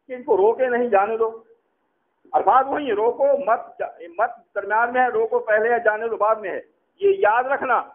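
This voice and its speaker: A man preaching a sermon, explaining his points step by step, repeating them and acting out how intonation changes a sentence's meaning. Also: very high voice. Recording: tinny narrow-band radio-like recording.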